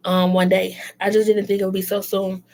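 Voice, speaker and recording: A woman's voice: medium pitch, little pitch movement, brisk, darkish tone, lightly acted. A woman voicing a hardened female inmate near forty, with a Baltimore accent, sly and taunting. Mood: resigned. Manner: sly, taunting, then resigned.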